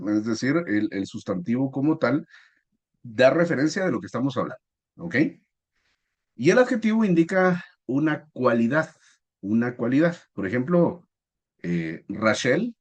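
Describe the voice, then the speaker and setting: A man's voice: medium pitch, darkish tone, slightly rough. A man teaching a spelling lesson, explaining patiently and asking his class questions.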